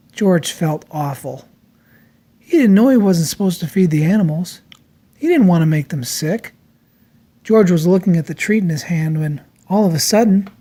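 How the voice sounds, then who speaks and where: Reading a children's picture book aloud, the storyteller uses a middle-pitched voice and an expressive, theatrical storytime delivery, acting out the characters' lines.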